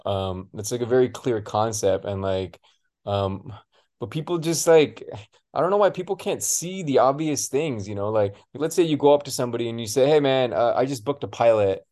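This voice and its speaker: A man's voice: mid-range voice, moderate pace, a little mellow. A man in casual podcast chat, rambling with many fillers and casual swearing.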